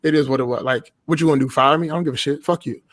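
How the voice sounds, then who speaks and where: A man's voice: on the high side, fairly even intonation, racing, no room sound. A man in his thirties, a podcast guest, telling casual stories in a blunt, profane way and often laughing as he talks. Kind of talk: casual storytelling.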